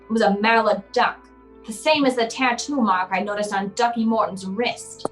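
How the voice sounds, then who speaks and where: Playing a cynical, wry private eye in an old-time radio noir drama, a woman narrates in a curt, hardboiled, wry manner. Her fairly high voice moves at a moderate pace and sounds close to everyday speech, with faint music behind it.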